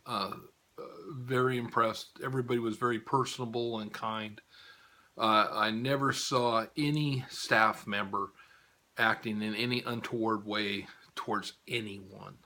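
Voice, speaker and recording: A man's voice: fairly low pitch, fairly even intonation, unhurried, pushed and bright. An older man giving a casual spoken update to viewers, rambling with frequent chuckles and fillers. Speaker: vlogger giving a health update.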